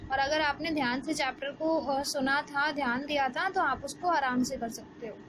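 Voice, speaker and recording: A woman, teaching a Hindi lesson to young children and asking the class questions as she explains slowly. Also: high-pitched. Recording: background noise.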